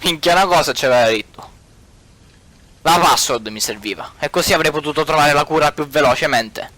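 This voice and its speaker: Bright, forceful Sicilian man, dry sound. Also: on the high side, brisk, no echo. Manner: crude, swearing, exclamatory. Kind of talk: comic parody dub in dialect.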